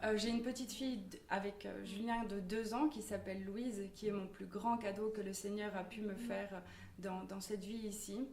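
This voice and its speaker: A woman's voice: medium pitch, fairly even intonation, moderate pace, a little mellow, slight background noise. A woman from Normandy giving a personal testimony in church, hesitant with many fillers and restarts. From Normandy, France. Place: church hall. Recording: echoey room from far off.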